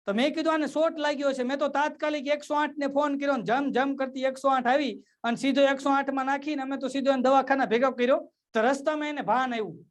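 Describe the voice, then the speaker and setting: Very high-voiced comic. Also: male voice, fast. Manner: animated storyteller, keeps addressing the audience as "sir". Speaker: comedian. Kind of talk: stand-up jokes and patriotic address. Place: remote link into a virtual event.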